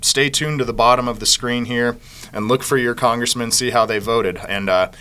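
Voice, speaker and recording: A man's voice: mid-range voice, steady tone, moderate pace, sharp tone, clean tone. A man co-hosting a casual gun-rights show, talking with a lip full of chewing tobacco in a folksy, profane, slangy way.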